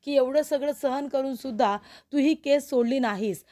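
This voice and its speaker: A woman's voice: sits high, normal speed, warm tone, lightly acted. A woman reading a proud senior male lawyer. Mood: approving.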